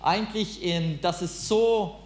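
A man whose first language is English, preaching in halting, broken German and quizzing his listeners. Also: high voice. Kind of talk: interactive sermon. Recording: roomy with mains hum.

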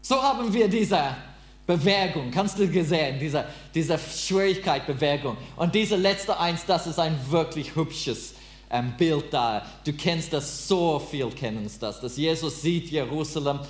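A man whose first language is English, preaching in halting, broken German and quizzing his listeners. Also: a little high, expressive. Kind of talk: interactive sermon. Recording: roomy with mains hum.

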